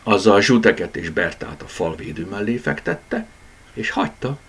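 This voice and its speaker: Husky low-voiced male storyteller. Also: sing-song, a bit bright. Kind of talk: bedtime story reading.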